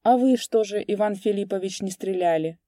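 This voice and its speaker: A woman voicing a blustering, tipsy village elder who exclaims loudly and raises his voice high. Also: normal speed, no echo, studio quality, lightly acted. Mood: scolding.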